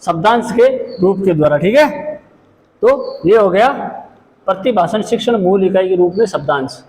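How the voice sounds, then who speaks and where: Male lecturer, high voice, repeats each point; echoey room, faint hiss. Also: expressive, normal speed, darkish tone. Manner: explains then repeats each point, frequent "ठीक है". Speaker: special education lecturer. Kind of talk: classroom lecture.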